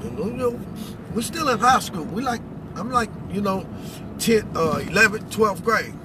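Recorded in a noisy pickup truck cab, this middle-aged man's high-pitched voice has lively intonation at a normal speed. He tells animated personal stories, preaches a little, and speaks colloquially, emphatically, with repeated phrases.

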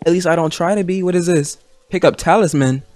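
A man's voice: sits high, a little fast, a little mellow, dry recording, soft background music. A young man playing a horror game as a streamer, jumpy and scared, muttering one moment and shrieking the next, and saying "bro" constantly. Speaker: gaming streamer.

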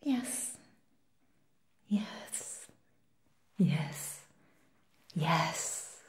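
Slow demonic whisper, seductive she-devil played by a woman. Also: sits low, animated, full character voice. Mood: hypnotic coaxing. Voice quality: breathy, soft whisper. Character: seductive, coaxing female devil luring a human. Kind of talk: whispered role-play.

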